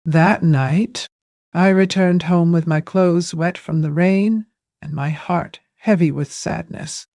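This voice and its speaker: Slow, dark-voiced older woman storyteller. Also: fairly low pitch, no room sound, studio quality. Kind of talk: first-person story narration.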